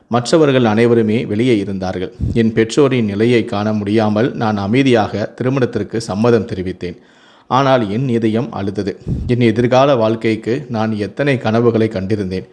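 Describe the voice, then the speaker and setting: A man reading a first-person storybook tale in a steady, even narrating voice. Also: on the low side.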